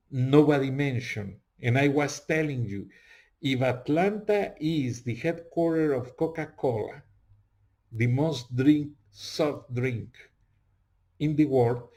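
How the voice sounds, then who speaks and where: A male host speaking English as a second language, with a heavy Spanish accent. He talks slowly and earnestly in a casual monologue, repeating phrases in broken English. His pitch sits in an ordinary middle range. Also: darkish tone.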